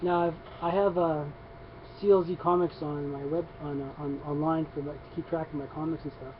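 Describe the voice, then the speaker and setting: Guy rambling about his comics at home, kinda high voice, muffled lo-fi recording. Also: steady tone, fairly quick. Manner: rambling, many restarts and fillers. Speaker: comics vlogger. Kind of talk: casual comic haul video. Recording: dull lo-fi sound with faint noise.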